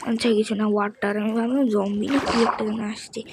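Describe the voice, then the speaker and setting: A woman's voice: medium pitch, steady tone, fast, noisy background. A woman giving casual gameplay commentary, thinking aloud and chatting to the game characters. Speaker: gamer.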